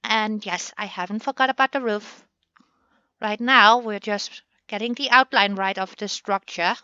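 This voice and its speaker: Slow, bright-voiced woman gamer chatting. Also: medium pitch, smooth, no room sound, dull audio. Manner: playful, talks to the game pieces. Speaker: gaming channel host. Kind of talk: chatty build commentary.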